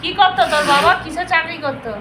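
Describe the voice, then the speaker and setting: High-voiced woman giving firm commands. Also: fast talker, background noise. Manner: firm, urging, repeats short commands. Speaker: ritual healer. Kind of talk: commanding ritual interrogation.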